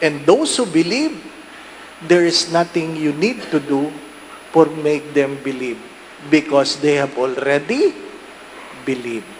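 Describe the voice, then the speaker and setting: A Filipino priest delivers a sermon in a fairly high voice, moving slowly and pausing often as he lingers on each phrase. He mixes Tagalog with English and keeps engaging the congregation with frequent rhetorical questions. The recording is low quality, with a faint hum of noise in the background.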